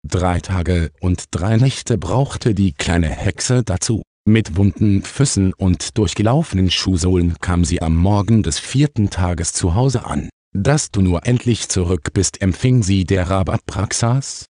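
A man narrating a children's audiobook in a calm storytelling manner. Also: low voice, a little slow, dry recording, clean studio sound. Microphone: close studio mic, dry.

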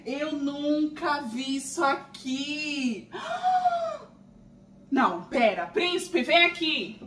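High bright-voiced gushing Brazilian woman. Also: takes it slowly, reverberant, distant mic, a little hiss or hum. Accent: Brazilian Portuguese. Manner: gushing, exclamatory, chatty with viewers. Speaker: channel host. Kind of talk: excited unboxing vlog.

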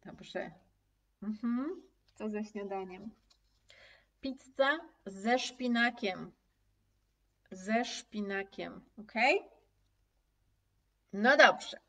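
A woman teaches a live online language lesson in an unhurried, deliberate way, saying each example phrase several times. Her voice sits at a middle pitch and comes from a little way off the mic. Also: bright, forceful tone, recorded from a distance. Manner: slow, clear, repeats example phrases and reads viewers' comments.

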